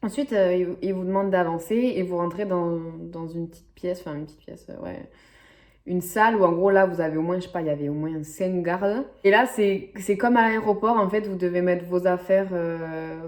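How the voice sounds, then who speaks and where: A woman's voice: on the low side, a little mellow. A young woman from the French Basque Country telling a story to camera in a chatty, rambling way, full of fillers and asides. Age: young adult. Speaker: vlogger. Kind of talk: casual storytelling vlog.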